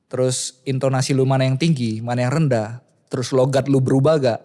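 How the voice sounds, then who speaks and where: A man's voice: mid-range voice, steady tone, brisk, warm tone. A young man, a content creator, explaining things patiently step by step in a casual chat.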